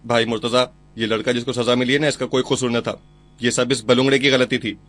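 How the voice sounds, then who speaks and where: A man's voice: medium pitch, flat delivery, fairly quick, a bit bright, a little hiss or hum, natural voice. A man dubbing a chatty young soldier who jokes and teases his comrades. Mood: confiding. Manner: teasing, chatty. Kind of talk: film dub.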